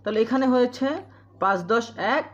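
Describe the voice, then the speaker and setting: A woman teaching a primary school math lesson, repeating each question and answer and counting out place values slowly. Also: fairly high pitch, slight background noise. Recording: dull lo-fi sound.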